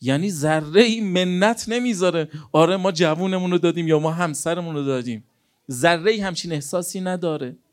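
An earnest male preacher with a fairly high voice delivers a sermon. He talks directly to the listeners and drives each point home with rhetorical questions. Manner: rhetorical questions, acts out imagined dialogues; earnest, exhortative.

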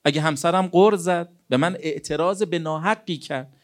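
An earnest male preacher with a fairly high voice delivers a sermon. He talks directly to the listeners and drives each point home with rhetorical questions. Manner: rhetorical questions, acts out imagined dialogues; earnest, exhortative.

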